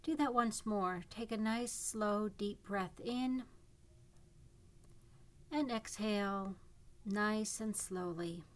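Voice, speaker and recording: A woman narrating a guided imagery meditation in a calm, soothing way, leaving long pauses between gentle instructions. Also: medium pitch. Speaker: psychotherapist guiding a meditation.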